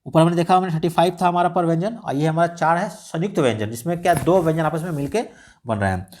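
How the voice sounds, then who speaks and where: A man explaining exam material at a brisk, rapid clip. His voice sits a little higher than most men's. He keeps throwing in rhetorical questions and English terms. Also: darkish tone. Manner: repetitive rhetorical questions, mixes English words. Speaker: exam tutor.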